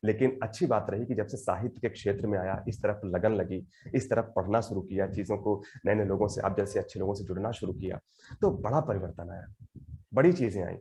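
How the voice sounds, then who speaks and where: A man in his thirties, a poet talking earnestly and reflectively in an interview and reciting his verse slowly with rising emphasis. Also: fairly low pitch, mellow, a little hiss or hum. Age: 30s. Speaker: poet guest. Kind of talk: conversational interview with poetry recitation.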